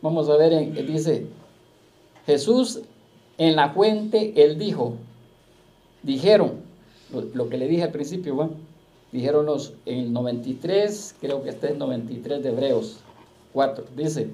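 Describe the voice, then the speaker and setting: Mellow-voiced man preaching a fiery sermon. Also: a little high. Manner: fiery preaching with rhetorical questions, slow drawn-out scripture quotes. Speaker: pastor.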